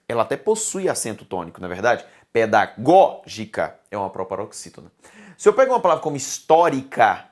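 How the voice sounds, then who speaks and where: A Brazilian woman teaching a grammar lesson for exam prep. She stresses points emphatically, keeps asking students to look and pay attention, and calls them "my dears". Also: low-pitched. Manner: affectionate, calls viewers "my dears".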